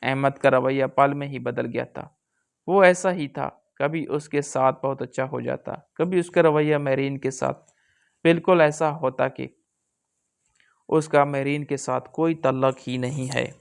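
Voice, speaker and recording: A man narrating a family drama story in a steady storytelling manner. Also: mid-range voice, vocal fry, clear, resonant tone.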